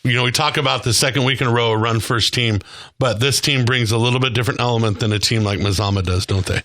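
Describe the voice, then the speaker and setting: A man's voice: mid-range voice, fairly even intonation, quick pace, pushed and bright. A man hosting a local sports talk show, commenting on football and interviewing players.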